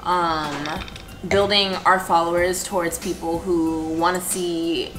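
A woman's voice: on the low side, level tone, slow, poor audio. A woman in her twenties chatting casually as a co-host in a group question-and-answer video. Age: 20s. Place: living room couch, indoors. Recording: music clearly behind voice. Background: background music.

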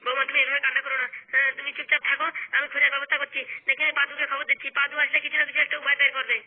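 A very high, rapid-fire cartoon tough guy, with a flat, unmoving pitch. He barks threats at suspects, then turns to soothing a distressed wife. The sound is thin and tinny, like a phone line. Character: menacing, hot-tempered man hunting his missing friend.

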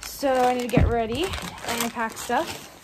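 A woman's voice: a little high, measured pace, very noisy. A teenage girl in casual vlog chat, chatty and rambling with lots of fillers, filmed on a phone. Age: teens. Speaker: vlogger, show choir member.

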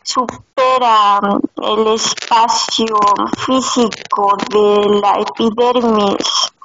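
A woman speaking as a detached alien entity in a trance channeling session, answering slowly and clinically after long hums. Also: a little high, steady tone. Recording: dull lo-fi recording with clear noise.

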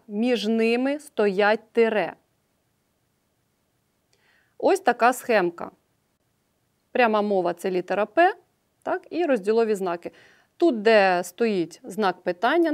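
A woman teacher giving an online grammar lesson, patiently explaining each step and often checking in with a quick "right?". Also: medium pitch, darkish tone.

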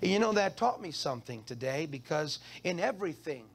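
A man preaching a Wednesday evening sermon as the pastor, calling on the church to answer and rising into loud, high exclamations. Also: sing-song, brisk, gravelly. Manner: call-and-response preaching, swells into high exclamations.

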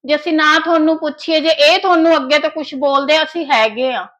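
An earnest young daughter-in-law, acted by a woman, with an Indian Punjabi accent, coaxing and pleading for the family to make up. Her voice is high and sharply bright. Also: steady tone, a little fast. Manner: persuasive, pleading, peacemaking. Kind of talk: amateur family drama skit.

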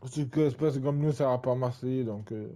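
A man's voice: mid-range voice, brisk, mellow. A man in his twenties giving casual gameplay commentary, rambling and full of fillers and repeated tags. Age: 20s. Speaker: gaming channel host.

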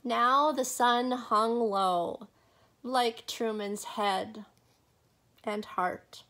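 With a fairly high, fairly bright voice, a middle-aged woman performs a children's picture book aloud, leaning into dramatic pauses and speaking casually to the kids listening.

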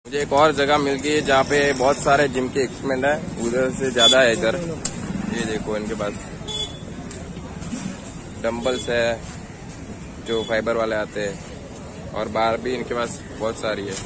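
Strolling a crowded street market with his phone camera in hand, a young man from India asks vendors about prices and bargains as he goes. He speaks in a level, medium-pitched voice, unhurried and pausing often, while the noisy recording carries crowd chatter and traffic.

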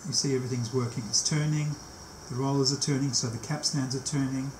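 Step by step and without a script, a technician in his sixties walks through a tape machine setup, often pausing while he works. He has a mid-range voice and a steady tone. The small, cluttered indoor workshop gives the camera-mic recording an echo and faint background noise.

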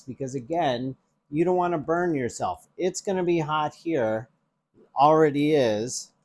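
A man in his forties with a fairly high, darkish voice reviews tech in his home kitchen by an open window, chatting through a product demo on a lapel mic. He explains as he handles the device, often stumbling into ums and restarting.

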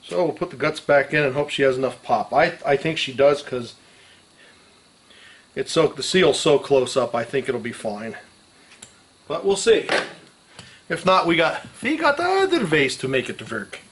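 Medium in pitch and measured in pace, with long pauses, a middle-aged mechanic narrates a casual how-to as he works. He's a few feet from the camera in a garage with an open door, speaking in salty, folksy slang while metal tools clank.

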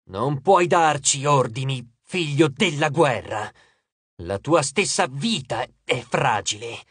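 A man voicing an ancient spirit possessing a boy, speaking slowly in a flat, gloomy way in an audiobook. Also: medium pitch, husky, no room sound, exaggerated voice. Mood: menacing.

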